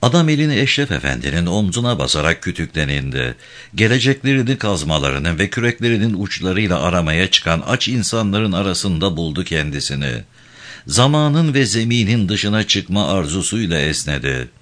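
Brief: male audiobook narrator, very low voice, animated and expressive delivery. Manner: expressive, measured storytelling.

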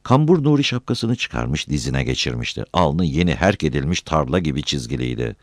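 A man narrating a novel as an audiobook, in measured storytelling. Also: extremely low pitch, sing-song, no echo, studio quality. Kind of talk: scripted narration.

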